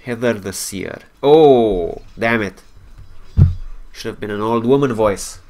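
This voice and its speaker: A man's voice: on the low side, slow pace, a little mellow. A man hosting a let's play, thinking aloud in casual gameplay commentary, swearing freely and laughing at his own mistakes.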